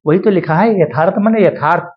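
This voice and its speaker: A man with a high voice lectures on Hindi poetry, explaining it line by line. He keeps coming back to the same points and speaks to his students with fondness. The sound is dull and lo-fi, as from a cheap mic. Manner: addresses students fondly, repeats points, chants verses slowly. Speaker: Hindi literature teacher.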